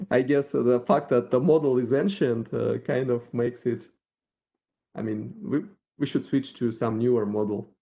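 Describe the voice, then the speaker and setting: A man with a Russian accent giving a live software demo at a meetup, thinking aloud with halting restarts. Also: medium pitch, vocal fry. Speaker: featured speaker at a developer meetup.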